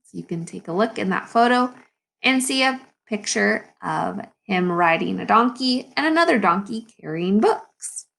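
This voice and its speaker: Playing an elementary school teacher, a woman with a gravelly, medium-pitched voice reads a children's picture book aloud. She is expressive and instructive, stopping to explain things and ask questions.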